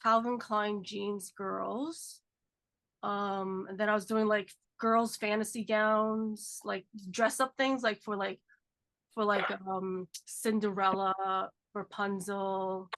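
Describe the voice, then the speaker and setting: Speaking slowly in a level, mid-range voice with a touch of brightness, a woman in her forties hosts a casual podcast chat. A cold leaves her sounding nasal, and her talk is full of "like" and "um."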